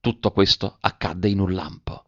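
A man with a lowish voice reads a literary story aloud in a measured, even manner. The recording is dry with no room sound, and slightly dull in tone. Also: no echo. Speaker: narrator. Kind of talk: scripted literary narration.

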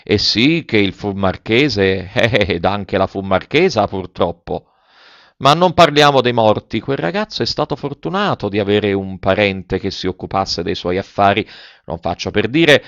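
A man's voice: fairly low pitch, no room sound, highs cut off, close to an everyday voice. A man doing a pompous older uncle. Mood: smug. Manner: pompous, gossipy, drawn-out. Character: self-satisfied older gentleman, boastful uncle.

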